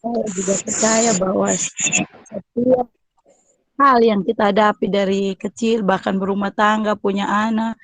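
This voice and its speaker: A woman with a slight cough speaks on a video call, her voice dry and close to the mic. She shares her reflection earnestly in halting, thoughtful phrases. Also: mid-range voice, steady tone, no room sound, poor audio. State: coughing, voice weak. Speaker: group member.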